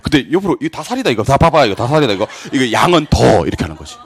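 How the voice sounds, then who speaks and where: A middle-aged man giving a classroom lecture, drilling students with quick questions and answers and joking asides. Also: mid-range voice, sing-song, breathy edge. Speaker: real estate exam lecturer.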